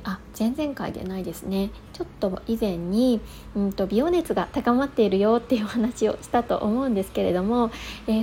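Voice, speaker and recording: A woman's voice: medium pitch, a little mellow, slight background noise. A woman hosting a morning show alone, talking in a casual, polite, conversational way and explaining things. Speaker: host of a daily morning radio-style show. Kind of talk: casual solo talk.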